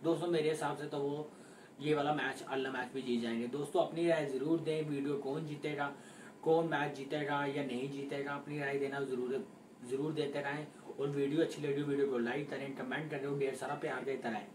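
A young man from India, a sports vlogger, gives a casual post-match tennis breakdown, gesturing animatedly and repeating score calls as he walks through each one. His mid-range voice is fairly quick. He's in a small room at home, recorded by a camera at mid distance, so the sound is roomy, slightly distant and noisy.

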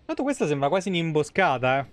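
Fast-talking and sing-song, with a fairly high voice, a man from Italy streams a game live from a small room and jokes around in slangy, playful commentary with mock exclamations. A little hiss or hum is audible.

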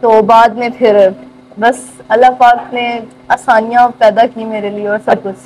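A woman's voice: fairly high pitch, flat delivery, unhurried, darkish tone, poor audio. A young woman with a Pakistani accent, answering interview questions through a face mask. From rural southern Punjab, Pakistan. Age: young adult. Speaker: university student being interviewed. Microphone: speaking through a cloth face mask. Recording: faint ambient background noise.

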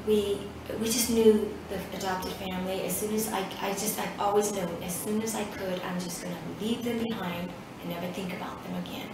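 A Vietnamese woman in her fifties, a native Vietnamese speaker with a mid-range voice, tells her story in an oral history interview. She is hesitant and reflective, pausing often. The mic is distant in an echoey room with background noise.

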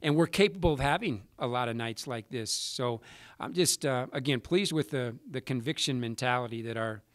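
A man in his forties, a basketball coach answering reporters after a game at a table mic, measured and halting with many restarts. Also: medium pitch, no room sound, studio quality. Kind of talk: post-game press conference answers. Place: press room with sponsor backdrop. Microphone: table mic in front.

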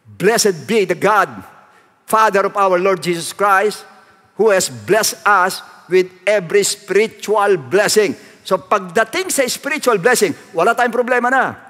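A male pastor delivers a sermon in a very high voice, pressing his points through emphatic repetition and dropping into English phrases. His tone is bright and forward. The sound echoes with a long reverb, as in a large hall. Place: church hall.

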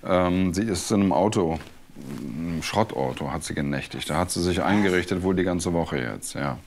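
A man playing a calm, matter-of-fact police officer in a scripted reality TV show. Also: low-pitched, normal speed.

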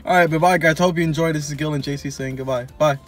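Over music, a young man with a voice on the high side and a steady tone talks fast on a couples vlog. He's chatting casually, rambling through a story with plenty of fillers.

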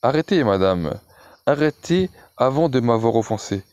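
A man's voice: mid-range voice, expressive, normal speed, a little mellow, dry recording, close to an everyday voice. A man voicing a proud, ruined young viscount who speaks formally and earnestly in an audiobook reading.

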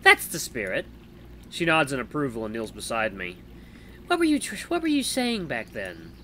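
A man's voice: medium pitch, wildly swooping pitch, normal speed, sharp tone, a little hiss or hum, exaggerated voice. A man voicing a teasing, wry female beast-folk villager as he reads a visual novel aloud, with a dry, mocking way of talking.

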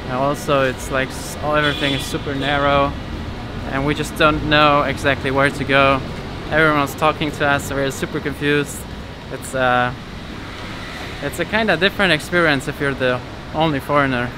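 A man's voice: fairly high pitch, steady tone, normal speed. Masked man vlogging over street traffic. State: talking through a face mask. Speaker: travel vlogger. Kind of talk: casual travel vlog narration. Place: outdoors on busy city streets. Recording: street traffic noise behind.

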